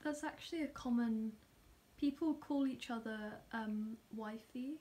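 A woman's voice: a little high, measured pace, dark tone. A woman chatting casually and asking questions, recorded on a phone at home.

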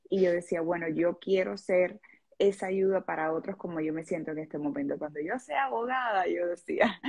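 A Venezuelan woman in her thirties, a personal injury lawyer, appears as a radio guest and explains things earnestly, step by step. She has a Cuban-tinged Miami Spanish accent, and her voice is on the low side, a little mellow and slightly rough.

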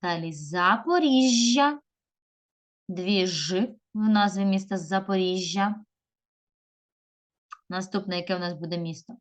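A woman's voice: on the low side, fairly even intonation. Woman teacher stretching words for children. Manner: slow, drawn-out stressing of words; addresses pupils warmly as children. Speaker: primary school teacher. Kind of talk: video lesson for children.

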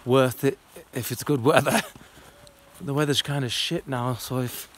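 Casual, self-deprecating male hiker talking to a handheld camera outdoors, mid-pitched, faint ambient noise. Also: fairly even intonation, measured pace. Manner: chatty, self-deprecating, rambling. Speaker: trekking vlogger. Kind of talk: casual vlog narration while hiking. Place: outdoors on a mountain trail.

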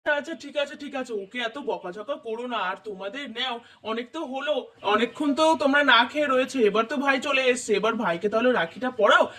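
A performer puts on a peace-making brother-in-law in a homemade doll show. He talks quickly and soothingly, heard from a bit away from the mic. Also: mid-range voice, animated, sharp tone, recorded from a distance. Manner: soothing, persuading. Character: calm, mediating brother-in-law, middle-aged man. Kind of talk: doll puppet show acting.

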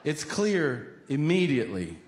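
A middle-aged man doing stand-up comedy, telling a story in an animated, exasperated way. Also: a little high, unhurried. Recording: echoey room with loud background noise.

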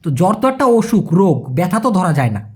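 Guy teaching a language lesson, husky voice, pitch jumps around a lot, repeats stuff slowly. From Bangladesh. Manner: animated, repeats phrases slowly for learners.

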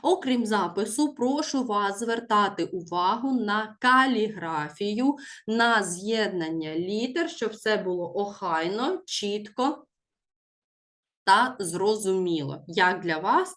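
A woman teacher leads a school lesson at an unhurried pace. She speaks deliberately and stresses each word so children can write it down, in a voice of ordinary pitch. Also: animated, fairly bright tone. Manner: slow, deliberate, stresses words for dictation.

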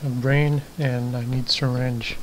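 A man's voice: mid-range voice, flat delivery, slow pace, background noise. A man playing through a game, chatting casually and grumbling a bit. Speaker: gaming channel player. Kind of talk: casual gaming chat.

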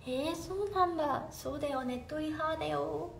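A bubbly young woman with a high voice chats on a phone livestream, reading out fan comments and giggling as she answers. She sits a little off the mic in a roomy, echoing room with a faint hum of noise behind her. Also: moderate pace, gravelly, recorded from a distance. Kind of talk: casual livestream chat.

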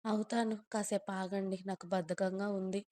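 A woman voicing a sleepy, playful and sulky young wife, speaking in a soft pleading way. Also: mid-range voice, little pitch movement, moderate pace, natural voice.

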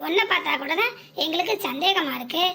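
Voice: very high voice, lively intonation, fast, sharp tone, a little hiss or hum, full character voice. A voice actor playing a mocking, bullying village thug in a cartoon, with a southern Tamil accent. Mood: sneering. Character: sly thuggish village man. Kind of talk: cartoon voice acting.

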